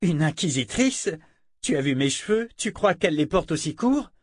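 A man's voice: fairly high pitch, big pitch swings, moderate pace, dry recording, clean studio sound, pitched above the performer's own voice. A man reading an audiobook and voicing a young woman captive who coaxes and persuades while hiding her fear. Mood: persuasive.

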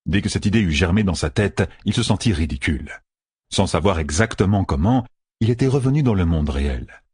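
A male audiobook narrator with a very low, husky and breathy voice. He reads in steady scripted narration. The sound is dry and close, with no room around it. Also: fairly quick, dry recording.

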